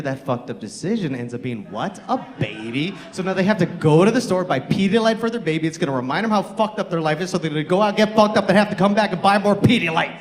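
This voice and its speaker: A man doing a stand-up comedy set in a comedy club, teasing the crowd with crude banter. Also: on the high side. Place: comedy club stage with live audience.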